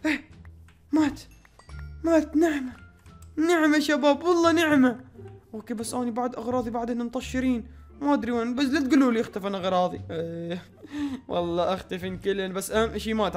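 A man with an Iraqi accent giving excitable let's-play commentary, exclaiming and repeating words as he plays. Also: high-pitched. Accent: Iraqi Arabic. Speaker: gaming channel host.

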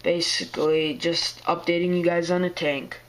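This aquarium hobbyist vlogger is ill, his throat strained, yet he rambles easily through an update on his tank, full of fillers and slang. He talks at a normal speed in a level, fairly bright voice that sits on the high side.

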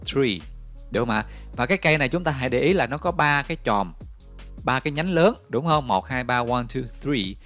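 Guy teaching english words, lively storytelling, soft music underneath. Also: medium pitch, brisk. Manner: lively, storytelling, coaxing with questions. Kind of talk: recorded vocabulary lesson with memory stories.

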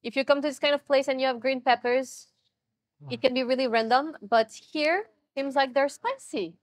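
A woman's voice: sits high, normal speed, no echo, studio quality. A young woman hosting a casual eating video in a restaurant, teasing her friend playfully and laughing often. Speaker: mukbang host. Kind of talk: casual chat while eating.

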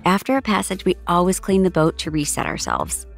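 Brief: middle-aged woman, cheerful travel-vlog narrator, slightly low voice. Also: wildly swooping pitch, a little fast, creaky, faint music behind. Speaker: vlogger narrating a sailing trip. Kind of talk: scripted voice-over narration.

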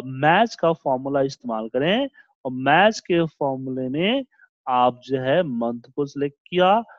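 A man's voice: on the high side, no room sound, muffled recording. A male computer trainer giving a hands-on spreadsheet lesson, explaining step by step and checking in often.

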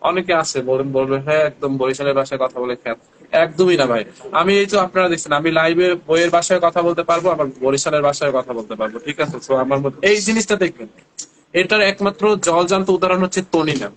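A man's voice: a little high, fast, fairly bright tone, poor audio. A young man from Barishal, Bangladesh, casually hosting a live sales stream and chatting straight to viewers with many fillers. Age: young adult. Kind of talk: casual livestream selling.

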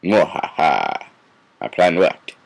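Scheming villain for a game cartoon, played by a man: theatrical, menacing, slow delivery. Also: deep voice, sing-song, gravelly, dry recording, voice pushed down, heavily acted. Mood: gloating menace. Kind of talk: amateur game-animation character acting.

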